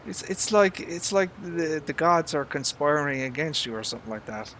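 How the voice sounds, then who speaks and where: A man's voice: a little high, lively intonation, moderate pace, fairly bright tone, slight background noise. A middle-aged Irish man chatting casually with viewers while he plays, rambling with lots of fillers and mild swearing. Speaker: live game streamer. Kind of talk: casual live-stream chat while gaming.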